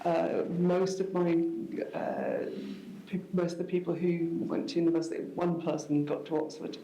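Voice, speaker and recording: A Scottish-raised woman in her sixties tells her story to a live audience as a guest speaker, in a conversational talk on stage. Her voice is on the low side, level, mellow, and at normal speed, and the sound is roomy like a hall. She's wry and self-deprecating, often stopping and restarting her sentences with plenty of fillers.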